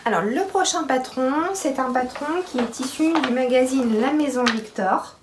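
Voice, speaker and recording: A pregnant woman chatting casually to camera about her sewing, with many pauses and restarts. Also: sits high, background noise. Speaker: sewing vlogger.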